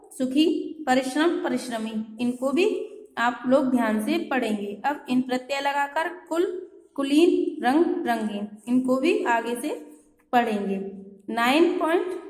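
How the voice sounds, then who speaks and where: A woman's voice: high voice, measured pace. A woman teaching a grammar lesson to schoolchildren. She reads example words aloud in lists and often checks in with the class. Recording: echoey room with long reverb.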